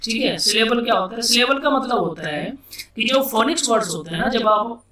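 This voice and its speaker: A man with an Indian accent teaching English vocabulary in a casual classroom style, repeating words slowly and asking himself questions as he explains. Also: extremely high pitch, expressive, sharp tone. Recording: echoey room, distant mic.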